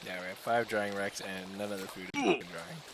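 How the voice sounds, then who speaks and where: Gravelly low-voiced man chatting while gaming. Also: lively intonation, brisk, a little hiss or hum. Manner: laid-back, jokey, swings into loud yelps. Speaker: gamer playing co-op. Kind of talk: casual gaming chat.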